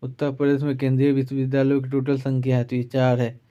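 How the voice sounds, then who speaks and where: This exam-prep tutor reads facts aloud online, point after point, with the same tag following each listed item. He talks fast in a monotone, and his medium-pitched voice is warm and clean, though the audio itself sounds dull.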